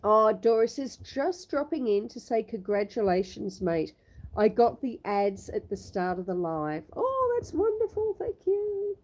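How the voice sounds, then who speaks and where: Out on her homestead, a woman live-streams and chats with viewers by name, her phone on a tripod. Her slightly high, darkish voice is very animated but keeps a measured pace, and the audio is poor. She still has a cough and some snuffles from a long illness.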